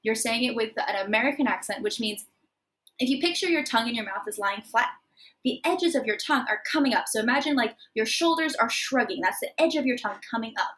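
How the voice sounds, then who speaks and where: A woman co-hosting a podcast, chatting in an animated, giggly way and explaining things eagerly. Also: on the high side, quick pace. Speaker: podcast co-host. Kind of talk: casual podcast chat.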